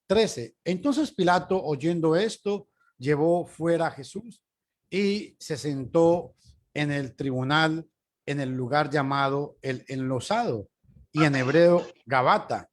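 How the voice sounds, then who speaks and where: A man reading scripture aloud as a Bible teacher. His reading is measured, and he lifts his voice for quoted speech. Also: on the high side.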